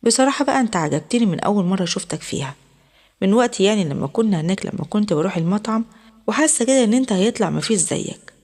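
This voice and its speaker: A woman's voice: mid-range voice, expressive, very fast, a little mellow. A woman with an Egyptian accent voicing an insistent, coaxing woman doctor in her fifties. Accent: Egyptian Arabic.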